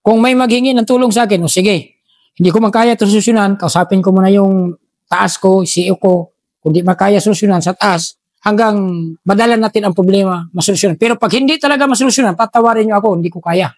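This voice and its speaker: A middle-aged man, a former special forces soldier telling war stories in an interview, deferential and halting, saying "sir" after nearly every phrase. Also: high-pitched, no echo. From Philippines. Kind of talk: casual interview storytelling.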